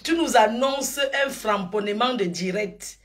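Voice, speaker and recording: A woman's voice: medium pitch, measured pace. A middle-aged woman and grandmother rambling on a live stream, showering her viewers with pet names and drifting between topics.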